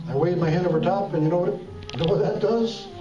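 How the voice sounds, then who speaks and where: Picture an emcee on a talent show stage in an echoey hall: a man with a high-pitched, fast voice delivering comedy magic patter in the style of a kids' party magician, teasing the audience into responding. It was captured from far off, sounding muffled amid music and crowd noise.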